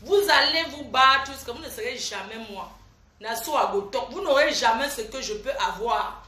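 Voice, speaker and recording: Defiant grandmother on a bright, echoey live. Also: fairly high pitch, animated, moderate pace. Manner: defiant, lecturing critics. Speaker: live streamer. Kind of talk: casual Facebook live. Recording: echoey room with faint noise.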